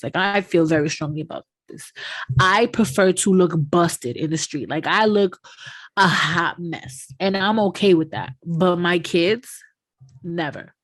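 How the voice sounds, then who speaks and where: A woman's voice: on the low side, no echo. Frank, joking woman in a dry room. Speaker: podcast co-host. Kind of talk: casual chat.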